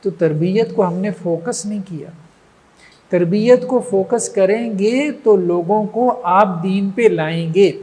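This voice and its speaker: Male religious teacher, high voice, long reverb, lecturing and checking in with the audience. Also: darkish tone. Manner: rhetorical, checks in with listeners often. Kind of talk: lecture on moral training.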